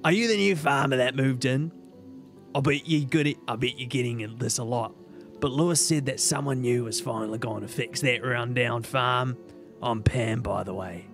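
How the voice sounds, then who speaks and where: Raspy old hag, blunt chatty older barfly woman played by a man, low-pitched for him, fan fiction reading, music behind. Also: moderate pace, close to an everyday voice. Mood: gruff small talk.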